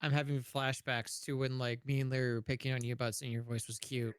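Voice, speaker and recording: A man's voice: mid-range voice, little pitch movement, quick pace, smooth, no room sound, studio quality. A man chatting casually as a guest on a stream, teasing and restarting his sentences. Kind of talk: casual chat.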